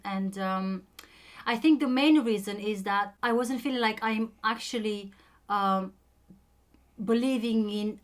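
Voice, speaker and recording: A woman's voice: mid-range voice, fairly bright tone. A young woman with a Romanian accent, a native Romanian speaker telling her own story in a casual chat, hesitant and full of ums and restarts.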